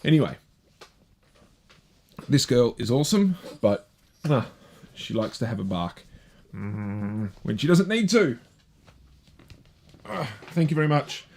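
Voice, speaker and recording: A man's voice: medium pitch, very animated, takes it slowly, vocal fry, pauses often, darkish tone, a little hiss or hum. A man hosting a live show in casual chat, with a rambling, chatty, self-deprecating delivery. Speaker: host.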